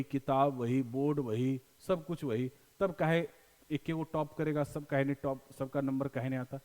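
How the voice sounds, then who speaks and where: A man's voice: mid-range voice, darkish tone, big-room sound. A male teacher with a Bihari accent, giving a classroom lecture in a folksy style, asking questions and then answering them himself. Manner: explains with repeated questions and answers; folksy, mixes in local dialect.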